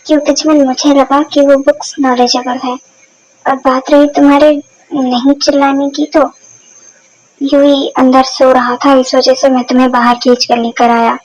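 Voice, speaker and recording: A woman voicing a calm, protective young man who talks softly and steadily, in a Hindi dubbed fan story. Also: sits high, normal speed, no room sound, muffled recording.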